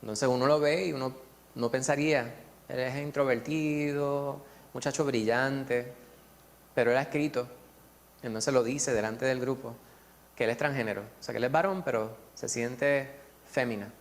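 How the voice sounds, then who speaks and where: A man with a Puerto Rican accent leading a church Bible study, telling personal stories in a chatty way and filling pauses with tag questions. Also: medium pitch, fairly even intonation, long reverb tail.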